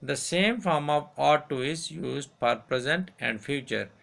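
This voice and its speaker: Gravelly male teacher dictating grammar. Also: a little high, animated, a bit bright. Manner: repeats each example sentence slowly, switches to Hindi to explain. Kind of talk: grammar lesson, read aloud and repeated.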